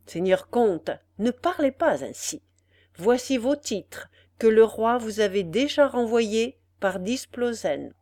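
A woman's voice: on the high side, lively intonation, slow, darkish tone, voice pushed up. A woman voicing a kindly old general, formal and ceremonious in a storybook reading.

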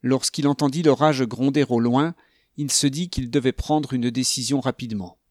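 A man narrating an audiobook with a calm, even reading manner. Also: medium pitch, moderate pace.

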